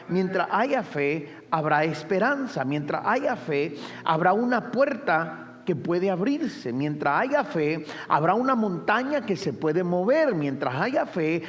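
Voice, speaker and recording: A male pastor preaching with a high, lively voice that keeps swinging up and down. He works the room with repeated refrains and calls for the congregation to respond. His voice rings out with the long reverb of a church hall. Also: measured pace, highs cut off. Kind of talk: sermon. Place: church sanctuary.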